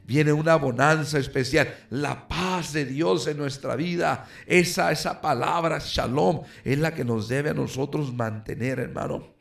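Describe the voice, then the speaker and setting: A man's voice: on the high side, unhurried, vocal fry. A man preaching a sermon fervently, with call-and-response asides to his congregation. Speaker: pastor.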